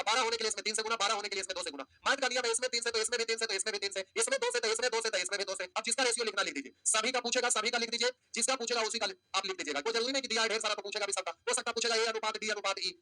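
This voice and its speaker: A man teaches a maths class. He talks very fast in a high, sharp, tense voice. He keeps repeating his points and calls his students dear ones. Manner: storytelling teacher, repetitive, addresses students as "pyare". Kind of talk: classroom lesson with a story.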